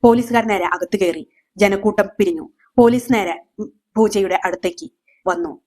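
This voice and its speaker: A woman narrating a dramatic fictional story with measured, paused delivery. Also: medium pitch, darkish tone.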